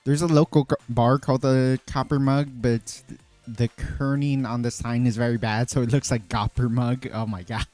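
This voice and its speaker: A man's voice: mid-range voice, flat delivery, moderate pace, a little mellow, soft background music. A man streaming while making cocktails, chatting casually and rambling with many fillers and restarts. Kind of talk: casual chat.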